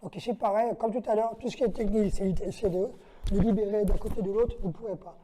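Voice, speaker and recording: A man with a high, mellow voice demonstrates self-defense, speaking quickly with fairly even intonation over a slight hiss or hum. He methodically takes each move step by step, counting them out, giving his training partner short commands and checking in with "d'accord?" during the lesson.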